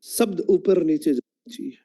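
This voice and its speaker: A man's voice: a little high, takes it slowly, warm tone. A man running an online training meeting, explaining his point in an instructive way and asking the audience questions.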